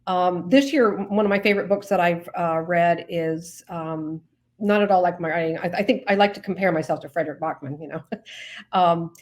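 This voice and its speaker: A woman novelist chats casually as an interview guest, informal and self-effacing, feeling her way through her sentences. She speaks at a normal speed with a fairly low pitch.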